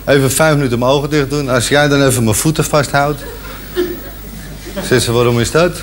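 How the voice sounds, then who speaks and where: A man's voice: medium pitch, steady tone, brisk, a little hiss or hum. A man telling jokes and acting out the characters with voices that jump up and down. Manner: acts out the characters, shifting his voice up and down. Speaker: joke teller.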